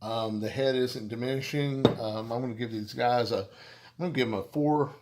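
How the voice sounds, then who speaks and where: On his video channel, a man casually reviews a beer, rambling and halting with many restarts and fillers while cracking self-deprecating jokes. His mid-range voice stays steady against heavy background noise.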